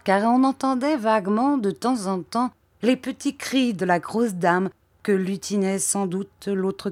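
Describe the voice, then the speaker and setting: A woman narrating a classic novel in a measured, unhurried reading voice. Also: mid-range voice, a little mellow, no echo. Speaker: audiobook narrator. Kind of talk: scripted literary narration.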